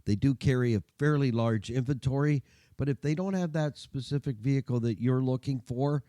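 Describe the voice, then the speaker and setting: A man's voice: medium pitch, moderate pace, warm tone, dry recording, studio quality. A man hosting a folksy car show monologue, chatty and jokey, his voice gargly and congested from a winter cold. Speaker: radio show and podcast host.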